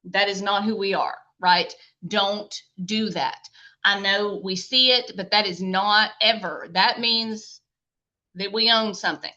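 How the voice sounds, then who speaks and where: A bright-voiced woman teaches a grammar lecture in a casual, chatty manner, pausing often to check that the class is following. The recording sounds dull and a little lo-fi. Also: medium pitch, steady tone. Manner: chatty, checks in with frequent "okay?" and "right?".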